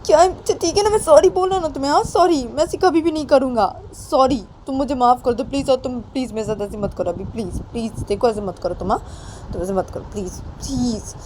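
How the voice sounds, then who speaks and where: A woman's voice: high-pitched, fast, mellow, slight background noise, lightly acted. A woman voicing a husband who keeps pleading and apologizing. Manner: begging, apologetic. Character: Sona's father, a pleading, apologetic man.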